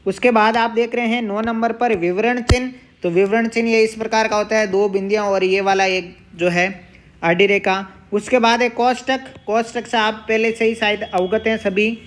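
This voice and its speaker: A woman's voice: on the high side, steady tone, normal speed, a little hiss or hum. Woman teacher explaining step by step. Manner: explains step by step, repeats questions to students. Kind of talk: online exam-prep lesson.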